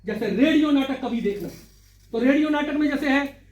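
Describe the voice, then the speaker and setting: A middle-aged man, a drama lecturer, teaching a class in an animated way and sounding out lines syllable by syllable. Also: very high voice, fairly quick. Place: classroom with audience. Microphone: far from the mic. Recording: echoey room from far off with crowd.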